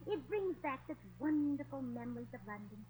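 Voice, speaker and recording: Here the woman's voice is high and expressive yet dark in tone, moving a little fast against slight background noise in a low-quality recording. The role is a giddy, scatterbrained American wife pretending to be posh and English, her chirpy, jumbled slang ("blimey," "governor") echoing 1940s radio comedy.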